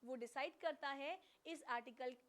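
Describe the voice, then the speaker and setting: High-voiced woman teaching an online class. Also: moderate pace, fairly bright tone. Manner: repeats questions and answers them herself, mixes Hindi with English.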